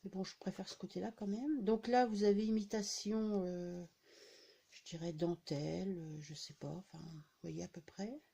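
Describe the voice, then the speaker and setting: A scrapbooking vlogger shows her viewers the craft supplies she bought in a casual haul video. Her medium-pitched voice is steady, mellow, and slightly rough with vocal fry, at a moderate pace, and she chats along with lots of filler words and "hein" tags.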